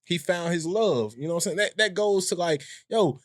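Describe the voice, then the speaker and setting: An American man co-hosting a podcast, talking in an emphatic, animated way and laughing often. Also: high-pitched, moderate pace, dry recording, studio quality. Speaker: podcast co-host. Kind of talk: casual chat.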